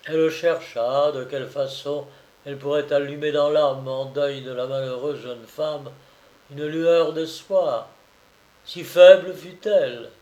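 A man narrating a novel aloud with an expressive, theatrical delivery. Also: fairly high pitch, a little slow, echoey room, low-quality recording. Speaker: audiobook narrator. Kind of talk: dramatic reading of a novel.

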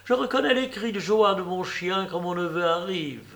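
A fussy elderly aunt scolds in a high, shrill voice, as a man reading a story puts her on. She sounds bossy and impatient. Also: lively intonation, moderate pace, vocal fry, a bit bright, heavily acted.

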